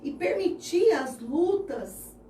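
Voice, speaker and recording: A woman's voice: high-pitched, expressive, takes it slowly, dark tone. A woman in her thirties with a Brazilian Portuguese accent, giving a heartfelt personal faith testimony as an interview guest. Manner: earnest, heartfelt storytelling. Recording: echoey room, distant mic, faint noise.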